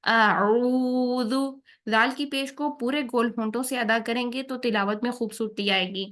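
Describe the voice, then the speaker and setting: A woman teaching tajweed, who explains each rule patiently, checks in with her learners often and slows down to recite the examples. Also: on the high side, fairly even intonation, fairly bright tone. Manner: patient, checks in with "theek hai?" after each point.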